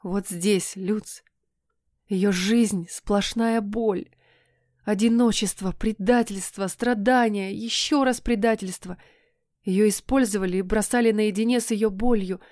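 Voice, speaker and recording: A woman's voice: medium pitch, fairly even intonation, measured pace, a little mellow, no room sound, studio quality, close to an everyday voice. A woman reading as a tearful young heroine. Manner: shaky, tearful, pleading.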